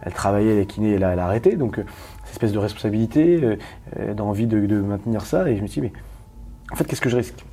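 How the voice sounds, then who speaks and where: A man from Paris, a guest talking candidly in an interview, rapid and emphatic with many restarts and questions to the listener. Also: lowish voice, animated, dark tone, breathy edge. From Paris, France.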